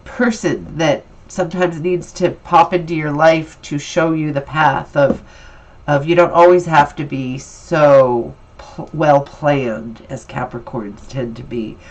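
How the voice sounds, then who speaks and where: A woman's voice: low-pitched, slow pace, a little mellow, lo-fi sound. Stuffy-nosed woman giving a cheerful tarot reading. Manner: upbeat, encouraging, chatty. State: stuffy and nasal from allergies. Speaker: tarot reader. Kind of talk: casual weekly tarot reading.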